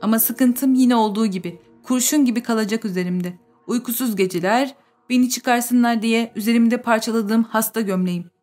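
A woman reading a first-person audiobook in a measured, subdued way. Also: on the high side, a little mellow, faint music behind. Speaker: audiobook narrator.

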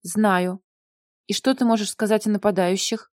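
A woman's voice: mid-range voice, steady tone, moderate pace, no room sound, studio quality, lightly acted. Woman voicing a curt, stern young woman. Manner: curt, commanding questions. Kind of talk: audiobook character voice.

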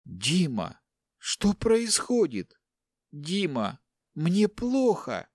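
A man's voice: a little high, huge pitch swings, extremely slow, a little mellow, no echo, studio quality, pitched above the performer's own voice, heavily acted. A man voicing a weak, frightened middle-aged woman, speaking faintly and pleading in a raised voice. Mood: weak dazed.

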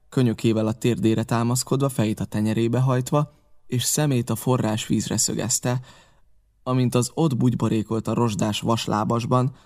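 Male audiobook narrator, steady and measured. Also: medium pitch, gravelly. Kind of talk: scripted novel narration.

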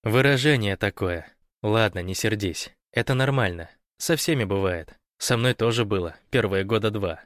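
A man's voice: on the low side, normal speed, hardly any pauses, fairly bright tone, no echo, clean studio sound, close to an everyday voice. A man voicing a teasing, joking team captain who barks orders at times. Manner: teasing, barking.

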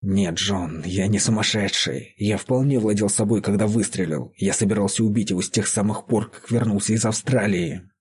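A man voicing a grim, vengeful farmer who speaks calmly and accusingly. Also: lowish voice, normal speed, breathy edge. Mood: grimly calm. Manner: calm, accusing. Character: grim vengeful middle-aged male farmer, calm and sure.

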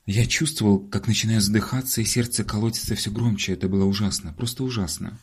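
A man's voice: lowish voice, steady tone, fast talker, breathy edge. A man doing a pompous, theatrical show-off. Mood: dramatic. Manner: theatrical, dignified, self-important. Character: pompous, self-dramatizing man.

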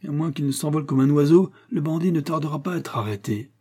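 A man's voice: a little high, quick pace, dark tone, voice pushed up, close to an everyday voice. A man voicing a ruthless American billionaire in an audiobook, speaking with bitter scorn and threats of revenge. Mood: vengeful. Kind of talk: audiobook character reading.

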